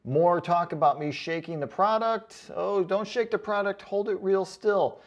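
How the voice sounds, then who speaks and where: The recording is muffled as a high-pitched man speaks a little slowly, reading out comments as the host of an online boot review channel. His casual comedic rant is emphatic, sarcastic, mocking and full of swearing.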